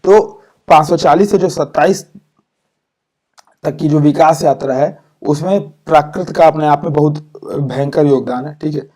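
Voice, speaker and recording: A man's voice: on the high side, normal speed, mellow. A man teaching an exam-prep class, stopping often to say "okay" and restarting words. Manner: repeats "ठीक है" after points, with fillers and restarts.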